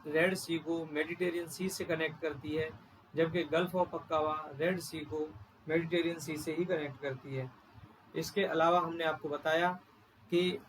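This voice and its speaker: A male teacher with a slightly high voice walks through a map lesson for exam students, repeating each place name slowly and spelling some out. A faint hum of room noise sits behind him. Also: low-quality recording. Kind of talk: exam-prep map lecture.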